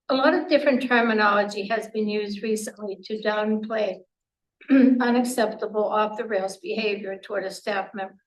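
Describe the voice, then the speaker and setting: A hoarse woman, a longtime resident, reading indignant, pointed remarks at a township board meeting. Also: medium pitch, fairly even intonation, moderate pace, poor audio. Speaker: longtime resident speaking at public comment.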